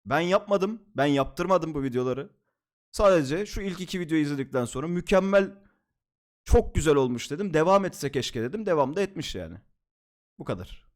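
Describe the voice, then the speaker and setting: A man's voice: fairly high pitch, expressive, moderate pace. A young man streaming from home, chatting casually at his desk mic, laughing, swearing and joking as he reacts to videos.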